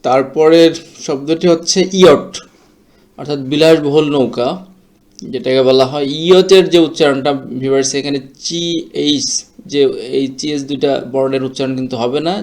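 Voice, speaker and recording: A man teaching English word pronunciation in a slow, explanatory way, mixing English words into his talk. English is not his first language; his first language is Bengali. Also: mid-range voice, steady tone, darkish tone. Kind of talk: explanatory lesson.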